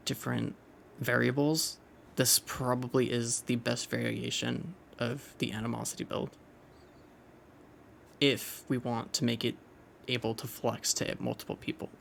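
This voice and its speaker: A man's voice: mid-range voice, vocal fry, slight background noise. A young man casually thinking aloud as he explains a game build over gameplay, loose and rambling with restarts. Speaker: game commentator.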